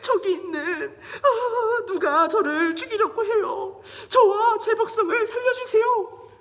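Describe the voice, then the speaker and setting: A man voicing a frightened young queen who pleads through tears, in a high strained crying voice. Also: takes it slowly, fairly bright tone, heavily acted. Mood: tearful pleading. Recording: long church hall reverb.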